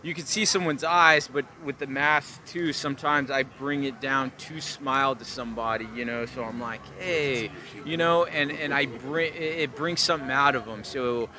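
A man's voice: mid-range voice, normal speed, noisy background. A middle-aged man answering a street interview outdoors in a friendly, rambling way, into a handheld mic. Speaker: passerby.

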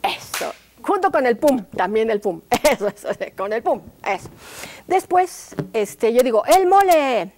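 A woman's voice: on the high side, sing-song, a little slow, a little mellow, slight background noise. A woman, a music teacher on a children's educational show, coaxing the audience into call-and-response. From Mexico. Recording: music playing behind the voice.

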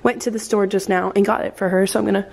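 A young American woman chatting casually to her vlog in a bubbly, sorority-girl manner, with a creaky edge to her voice. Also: medium pitch, little pitch movement, quick pace, a little mellow. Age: young adult. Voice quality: creaky vocal fry. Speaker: student vlogger, sorority member. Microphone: handheld camera at arm's length. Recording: faint to clear background noise, handheld camera.

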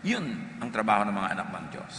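A man delivers an emphatic sermon, his voice bright and forceful. He leans on key words and slips in humorous remarks to the congregation. The recording rings with long reverb from a large hall, and faint noise sits underneath. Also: on the low side, big pitch swings, a little fast. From Philippines. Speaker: pastor.

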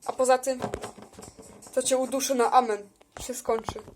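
A woman's voice: sits high, little pitch movement, moderate pace, a little hiss or hum, lightly acted. A woman voicing a scheming, threatening male pet toy in a homemade toy figure role-play. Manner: menacing, boastful.

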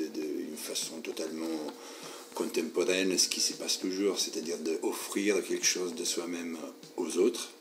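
A man from Southern Italy speaking French with an Italian accent, answering interview questions with many pauses and restarts. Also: low-pitched, slight background noise. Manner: hesitant, many fillers and restarts. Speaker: guest interviewee. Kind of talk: casual interview.

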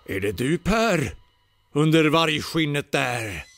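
A man voicing a merciless old sorcerer priest in a spoken ghost story, loud and slow. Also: fairly high pitch, sing-song, gravelly, dry recording, voice pushed up, full character voice. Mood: menacing.

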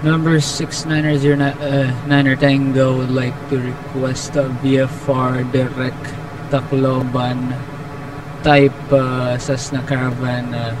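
A man calling air traffic control as a pilot over his cockpit headset radio, halting with frequent fillers as he reads back clearances. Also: mid-range voice. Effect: pilot's radio transmission from the cockpit headset. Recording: distant radio with steady engine noise.

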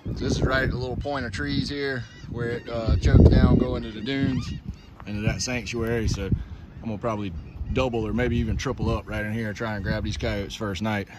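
Man, 30s, trapper, casual outdoor vlog, handheld phone, windy beach, clear background noise. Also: mid-range voice, fairly quick. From South Carolina. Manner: laid-back and excited, talking while walking. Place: outdoors on coastal marsh and beach. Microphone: phone held at arm's length. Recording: outdoor wind and ambient noise.

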